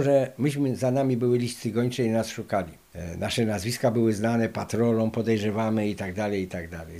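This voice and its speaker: An older Polish man, interviewed for an oral history, tells lively stories full of fillers. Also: fairly low pitch. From Poland. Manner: lively anecdotal storytelling with many fillers. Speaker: interviewee recalling the past.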